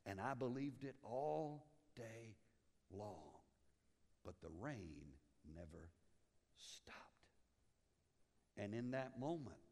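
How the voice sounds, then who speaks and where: A man from Liberia preaching a sermon as pastor, swinging from loud urgency down to hushed, low lines. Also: animated, takes it slowly, long pauses. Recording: long hall reverb.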